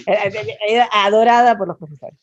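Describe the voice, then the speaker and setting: A woman's voice: a little high, animated, normal speed, dry recording, muffled recording. An Argentine woman with an Argentine Spanish accent, talking expressively in a casual interview, with many fillers and restarts.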